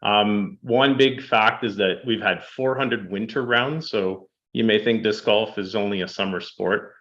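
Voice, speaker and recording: Low-voiced man presenting figures with many ums. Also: measured pace, highs cut off. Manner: steady, fact-heavy, many ums. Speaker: presenter to council. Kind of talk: public presentation. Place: council chamber.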